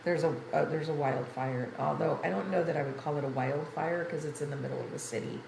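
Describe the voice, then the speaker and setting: She's an older woman streaming games from a room in her apartment, talking to viewers in a casual, rambling way while sounding congested and tired. Her low-pitched voice moves fairly quickly and has vocal fry. Faint background noise and a roomy echo fill the recording.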